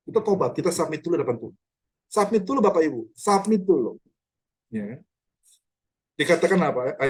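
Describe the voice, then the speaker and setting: A male pastor leads an online Bible study with a slightly husky voice. His pitch sits in an ordinary middle range. He teaches in a lively, chatty way and keeps calling on listeners by name. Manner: animated, conversational, quizzes listeners by name. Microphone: online video call.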